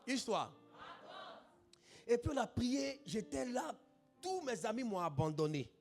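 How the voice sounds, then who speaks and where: A man pastor, preaching a testimony in an animated sermon, bursting into shouts. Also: very high-pitched, unhurried, soft background music. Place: church.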